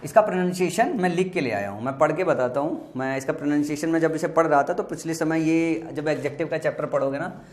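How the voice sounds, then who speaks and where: Male teacher whose first language is Hindi, patient and repetitive, spells words aloud; voice a bit high, recorded in an echoey room. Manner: explains slowly with repetition and spelled-out letters. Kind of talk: exam vocabulary lesson.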